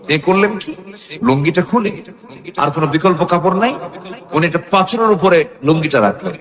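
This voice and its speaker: A man preaching a Bengali sermon, telling a story with animated shifts of voice and sudden rising shouts. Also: a little high, brisk, a crowd in the background. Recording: echoey hall with long reverb.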